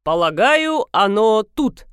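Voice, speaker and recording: A woman voicing a gruff middle-aged police colonel who speaks curtly and self-importantly. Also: medium pitch, very animated, slow, no echo, clean studio sound.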